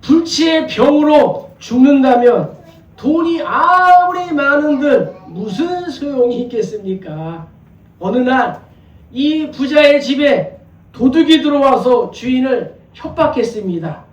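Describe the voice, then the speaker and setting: A man's voice: very high-pitched, animated, takes it slowly, muffled recording. Pastor guy giving a sermon, chatty, asks the room questions, roomy hall sound, mic kinda far off. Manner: conversational preaching with rhetorical questions and jokes. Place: church sanctuary. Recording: echoey church from a distance.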